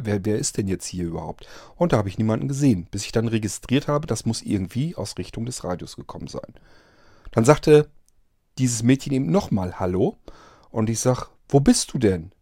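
Man, casual storyteller, hesitant and rambling, mellow tone, close dry sound. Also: mid-range voice, no room sound. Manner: rambling, hesitant, many fillers and restarts. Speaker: vlogger telling of a strange event. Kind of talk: casual spoken account.

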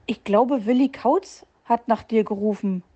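A sly fox wheedles and sulks as he schemes his way out of bed rest, as a woman voices him for a storybook. The voice sits mellow and a little dull. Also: a little high, measured pace. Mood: wheedling. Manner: wheedling, easily offended. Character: sly scheming male fox faking illness.

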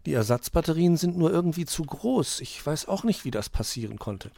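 A man reads as a teasing, breezy young female helper from a storybook. The voice sits higher and swings playfully, recorded close and dry. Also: lively intonation, a little fast, creaky, warm tone, no echo.

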